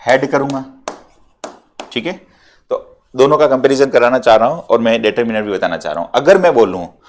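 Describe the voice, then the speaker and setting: A man with a Rajasthani Hindi accent teaching an English grammar lesson to students. He explains step by step, mixes Hindi with English grammar terms, slows down to dictate example sentences and keeps checking with "clear?". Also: medium pitch. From India.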